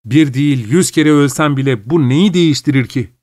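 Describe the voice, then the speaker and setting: A man's voice: a little high, normal speed, darkish tone, no echo, clean studio sound, natural voice. A man voicing Kiava, a tormented husband. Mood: despairing. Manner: subdued, grave, despairing. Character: tormented young husband, fearful and remorseful. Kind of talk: audiobook character voice.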